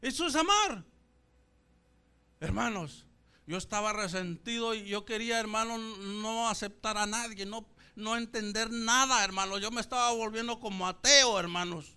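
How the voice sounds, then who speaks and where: High bright-voiced man preaching, says brothers every other breath, loud then low, clean clear voice. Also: steady tone, moderate pace. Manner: keeps saying "brothers", swings from loud bursts to low asides. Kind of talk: testimony sermon.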